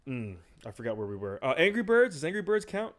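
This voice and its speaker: On a podcast, a male co-host with a slightly high voice chats loosely about movies. He talks fast and is very animated, clearly enthusiastic about his favourites.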